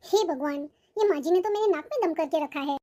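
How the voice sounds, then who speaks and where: A harried middle-aged mother-in-law in a cartoon, voiced by a woman. She complains and whines about being ordered around, in a very high, thin voice. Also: a little fast, dark tone. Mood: grumbling. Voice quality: complaining, whiny. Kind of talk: cartoon voice acting.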